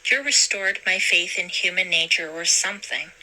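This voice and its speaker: A woman's voice: lowish voice, normal speed, pushed and bright, poor audio. A woman voicing a nervous teenage girl camp counselor, earnest and anxious.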